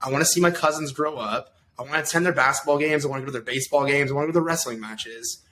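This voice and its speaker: Fast-talking man in his thirties, bright. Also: mid-range voice. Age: 30s. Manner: loose, profane, rambling with many fillers. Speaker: podcast guest. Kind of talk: casual storytelling chat.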